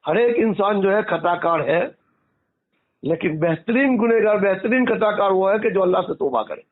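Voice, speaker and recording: A man's voice: high voice, moderate pace. A man calling in to a religious debate, who insists again and again that he be heard. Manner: insistent, keeps asking to be heard. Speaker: caller. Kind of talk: heated phone debate. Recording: phone-line audio.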